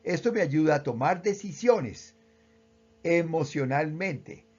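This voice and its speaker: A man with a Colombian accent, calmly explaining how emotions work with everyday examples. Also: on the high side, slow pace, breathy edge, dull audio. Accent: Colombian Spanish. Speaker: speaker on emotional education. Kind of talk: explanatory talk.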